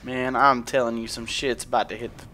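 A man's voice: mid-range voice, flat delivery, fairly quick, bright, forceful tone, a little hiss or hum. A man giving nervous, cursing let's-play commentary on a horror game. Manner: jumpy, swearing, nervous joking. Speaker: gaming video creator.

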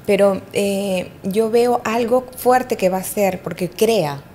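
A woman psychic giving readings in an interview, hesitant and often pausing with fillers and checking she is understood. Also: medium pitch, a crowd in the background. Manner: hesitant, fills pauses with "eh" and "¿me entiendes?". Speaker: astrologer and psychic.

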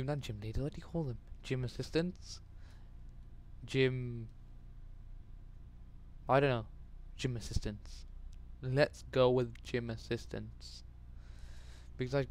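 A young-sounding man talking over a video game in an easygoing, unhurried way. His voice is smooth and clear, and he drifts from one chatty tangent to the next without much structure. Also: medium pitch. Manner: rambling, chatty, goes off on tangents. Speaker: gaming commentator. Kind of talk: casual Let's Play commentary.

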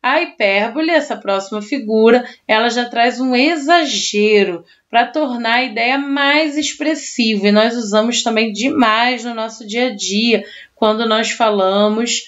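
A woman's voice: on the high side, unhurried, highs cut off. A woman teacher, giving a recorded online class and explaining patiently, checking in with her students often.

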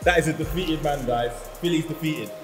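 A man's voice: fairly high pitch, fairly quick. A man in his twenties with a London accent, chatting in playful, teasing slang as a quiz contestant. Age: 20s. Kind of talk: casual playful banter. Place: large tiled indoor pool room, in a tub of water. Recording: echoey reverberant pool hall, music behind.

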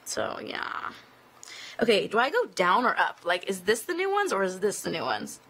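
Giggly young woman with a gravelly edge. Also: mid-range voice, wildly swooping pitch, normal speed, fairly bright tone. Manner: chatty, giggly, filler-heavy with frequent "like". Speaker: singer answering fan questions. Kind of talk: casual live-stream Q&A. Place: indoors at an office.

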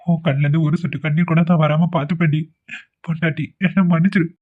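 A man's voice: a little high, flat delivery, quick pace. Man on tinny phone-like audio. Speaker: voice actor for cartoon characters. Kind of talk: tamil cartoon drama voicing.

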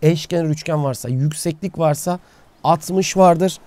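This math teacher holds a relaxed geometry lesson outside near the sea, muttering to himself and answering his own questions. He speaks at a measured pace in a slightly high, slightly mellow voice, with no room sound.

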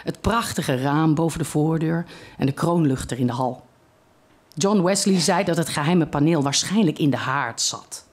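A reader telling a short story aloud at a literary evening in a steady, measured way. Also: mid-range voice.

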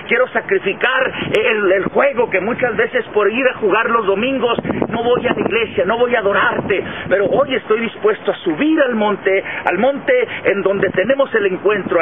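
A middle-aged man preaching a sermon outdoors in a park, asking rhetorical questions and repeating phrases. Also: high voice. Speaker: pastor. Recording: tinny lo-fi sound with outdoor wind noise.

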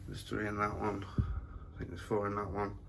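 A man's voice: on the low side, completely flat delivery, moderate pace, vocal fry. A man giving a chatty, plain-spoken tour of his allotment and then his indoor plants, filming on a handheld phone. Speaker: allotment vlogger. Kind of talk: casual walk-through commentary. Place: windy allotment outdoors, then a room at home. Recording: outdoor wind noise, then indoors.

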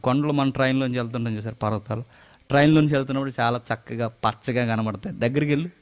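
Man preaching, loud-soft swings. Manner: swings from loud exclamations to low murmurs; asks the audience questions and answers himself. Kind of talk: sermon.

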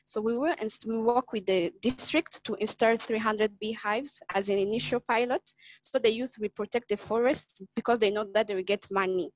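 A woman from Rwanda presenting a project pitch on a video call, speaking haltingly with frequent restarts. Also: highs cut off.

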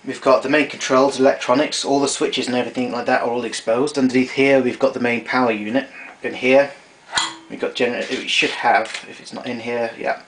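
Brisk and steady, his medium-pitched voice has a fairly bright tone. In a small room at home, he gives a casual, matter-of-fact hands-on demo of some equipment, picked up by a nearby camera mic. The amateur recording is noisy, with clearly audible background noise.

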